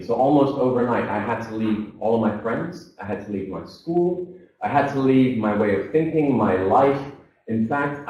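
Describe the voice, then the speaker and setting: Heard from a distance in a reverberant seminar hall with the highs cut off, a man in his thirties speaks in a mid-range, slightly mellow voice. His motivational talk is storytelling about his own life, complete with acted-out voices of the people involved.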